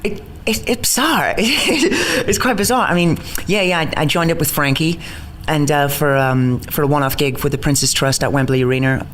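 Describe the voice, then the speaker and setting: Slightly high-voiced, with a bit of background noise, this North East English stage actor speaks in a blend of neutralised Geordie and American. He's excitable and quick in casual interview talk, often laughing and restarting his sentences.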